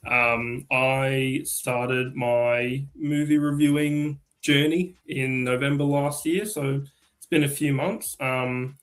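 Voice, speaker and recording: A man's voice: medium pitch, fairly bright tone. A man from Australia with an Australian accent, a guest film reviewer speaking casually and modestly over a video call.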